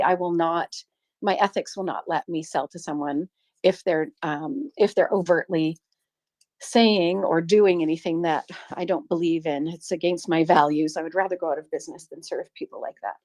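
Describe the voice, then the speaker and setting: In a casual chat on a live audio space, a middle-aged Canadian woman who runs a small shop shares a personal story, earnest and reflective with frequent laughs. Her low-ish voice is steady and darkish, at a moderate pace.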